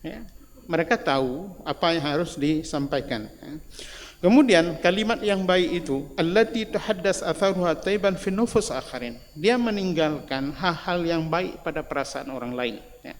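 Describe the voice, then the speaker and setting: A man's voice: fairly high pitch, lively intonation, normal speed. Man preaching in a reverberant mosque. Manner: conversational, often adding tag words between phrases. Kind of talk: mosque sermon. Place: mosque hall. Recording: long hall reverb, faint noise.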